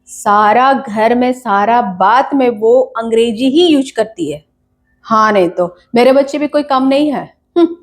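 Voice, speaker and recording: A woman playing a complaining, scolding mother in a comedy sketch, nagging in quick bursts. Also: fairly high pitch, lightly acted.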